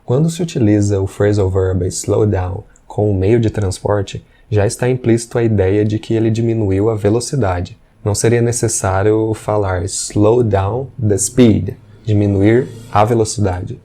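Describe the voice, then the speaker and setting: A man teaching English. His voice is low and mellow. He explains patiently and repeats examples slowly. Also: steady tone. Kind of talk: explanatory language lesson.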